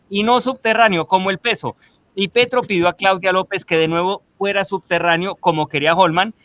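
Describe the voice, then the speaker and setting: A man, briskly reading his own satirical column aloud in a dry tone. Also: high-pitched, fairly bright tone. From Colombia.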